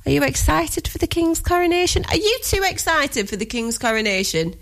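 A woman's voice: high voice, expressive, fairly quick, fairly bright tone. A woman with a Lancashire accent presenting casual live radio in a chatty, giggly, colloquial way.

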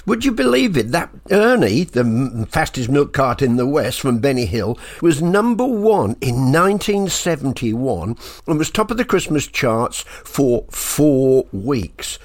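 A man's voice: mid-range voice, very animated, unhurried. A man with a Birmingham accent, presenting a radio show in a chatty, playful way with swooping exclamations.

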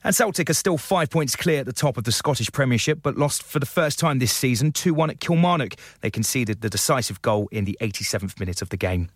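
A man's voice: medium pitch, animated, fast, few pauses, dry recording. British male newsreader, very dry sound. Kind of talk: scripted radio news bulletin.

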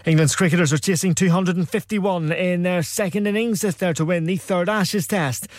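A man's voice: high voice, steady tone, moderate pace, no room sound, clean studio sound. A man with a British accent reading a scripted radio news bulletin. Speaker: radio newsreader.

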